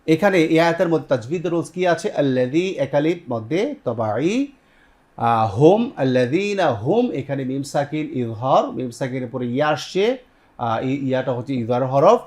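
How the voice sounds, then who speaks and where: A man from Bangladesh, a Quran recitation teacher hosting a TV show, leads a tajweed lesson step by step, quizzing students, repeating their answers, and pronouncing Arabic words slowly. His mid-range voice is animated with a darkish tone.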